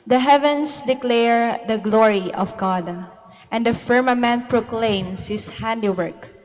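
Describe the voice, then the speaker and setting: Female lector, young; solemn, slow scripture reading in reverberant church. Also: a little high. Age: young adult. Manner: careful, formal phrasing. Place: large church, at the lectern. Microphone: handheld microphone held close.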